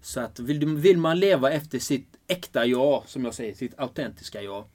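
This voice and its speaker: A man speaking earnestly and enthusiastically as a life purpose coach in a relaxed conversation, often restarting his sentences. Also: medium pitch. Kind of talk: casual conversation.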